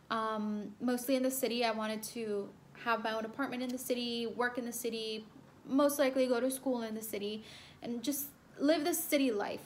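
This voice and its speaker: With a voice on the high side, a young Salvadoran woman vlogs a personal story to camera. Her delivery is casual and rambling, packed with ums and repeated phrases, over a slight hiss or hum.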